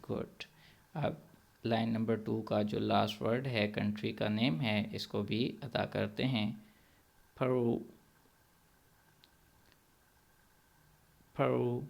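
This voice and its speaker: A man teaching English pronunciation to children in an online class, saying words slowly and repeating them for the pupils to echo. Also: lowish voice, fairly even intonation, gravelly.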